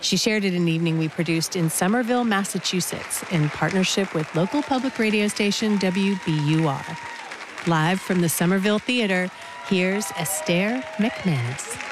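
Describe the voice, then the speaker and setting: A woman host introduces a story in a calm, measured presenter voice. An audience murmurs behind her, with clear room noise in the background. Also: mid-range voice, crowd noise. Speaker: radio show host. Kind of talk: scripted radio introduction.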